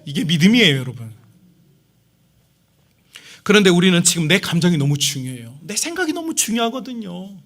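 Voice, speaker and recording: A middle-aged man preaches a sermon with emphatic force, turning to address the congregation again and again. His voice is high-pitched and bright, with a keen, ringing edge. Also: big pitch swings, brisk, long pauses. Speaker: pastor.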